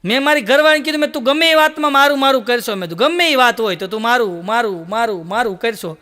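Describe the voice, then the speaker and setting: Man, stand-up comedian, very bright tone, lively storyteller, echoing hall. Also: very high voice, fast. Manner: lively storyteller acting out dialogue, laughing between jokes. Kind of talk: Gujarati joke-telling stage show. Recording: long hall reverb.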